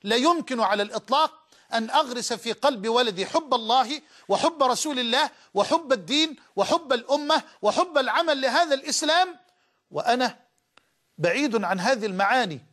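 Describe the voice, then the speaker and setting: A man preaching with a marked Egyptian Arabic accent and a high-pitched voice. He presses his listeners with rhetorical questions and drives each point home by repeating it with fervor. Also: lively intonation, brisk, a bit bright. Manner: impassioned, with rhetorical questions and emphatic repetition. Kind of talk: sermon.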